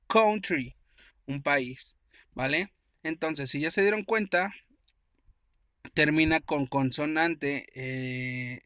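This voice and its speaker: A man teaches an English grammar lesson with a bright, forceful voice. His voice sits a little high for a man, and the sound is dry and close. He explains step by step and often answers the questions he asks his listeners. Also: no echo.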